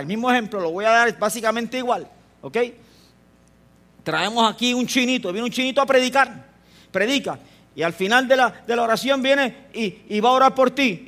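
A man preaching a sermon, telling stories with repeated phrases and swinging between loud passages and hushed ones. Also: high-pitched.

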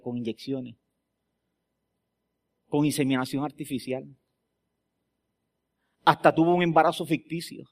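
A male pastor with a notably high voice delivers a sermon. He rises into loud, emphatic declarations, then drops into hushed, close storytelling. He keeps drawing the congregation in with questions. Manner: swings from loud emphatic preaching to quiet storytelling; asks the congregation rhetorical questions.

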